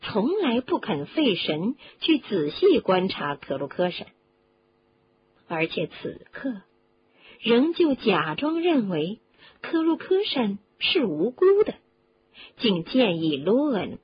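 Woman audiobook narrator, husky and breathy, measured dramatic delivery, muffled recording. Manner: lively, dramatic reading that drops low for suspense. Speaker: audiobook reader. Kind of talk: expressive storybook narration.

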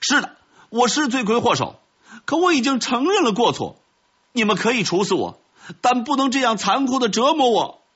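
A man voicing a small, stubborn male insect hero who shouts and pleads in a high, strained voice. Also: big pitch swings, moderate pace, slightly rough, highs cut off, full character voice. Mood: pleading.

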